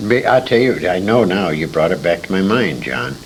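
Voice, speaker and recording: On a noisy 1980s convention interview tape with rumble, an older American man, once a radio performer, recalls his career at a normal speed in an animated way. He delivers anecdotes with emphasis, voicing the quoted dialogue himself and repeating words for effect.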